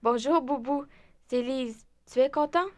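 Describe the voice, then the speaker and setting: A woman voicing a cheerful young girl planning her birthday party, in a slow, clear scripted language-lesson dialogue. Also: sits high. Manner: slow, clear, deliberate speech.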